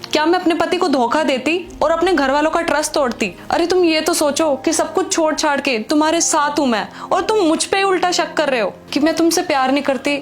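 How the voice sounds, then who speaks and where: A woman's voice: sits high, brisk, hardly any pauses, soft background music, natural voice. A woman acting a pregnant married woman secretly in love with another man, pleading and defensive. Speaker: actor. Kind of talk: Hindi web skit acting.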